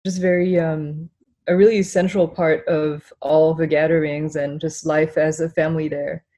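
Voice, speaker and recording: Low, flat-voiced woman from Singapore. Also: moderate pace. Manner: reflective, soft-spoken, with frequent fillers. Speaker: chef and guest. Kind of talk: casual interview.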